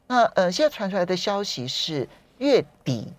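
A woman's voice: fairly low pitch, big pitch swings, moderate pace, dry recording. A woman with a Taiwanese Mandarin accent hosting a current affairs talk show, conversational and posing questions with pointed asides. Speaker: radio talk show host.

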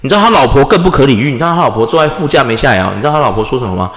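A young man from Taiwan, host of a casual chat podcast, telling stories in an animated way, swearing and acting out quarrels loudly. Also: mid-range voice, rapid-fire. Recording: echoey room with long reverb.

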